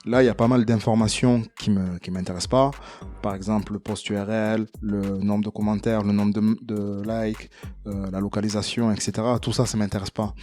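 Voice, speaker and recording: A man walking viewers through a casual screen-recording tutorial, chatty and relaxed with plenty of fillers and some self-deprecating humor. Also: lowish voice, brisk, soft background music. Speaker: tutorial creator.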